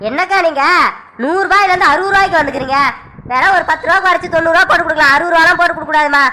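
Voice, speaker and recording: Woman voicing a pushy, rapid young idol seller. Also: very high voice, sharp tone. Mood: bargaining. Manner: impatient, haggling, rushes customers. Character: brisk young male clay idol seller. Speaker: shopkeeper. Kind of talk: cartoon voice acting.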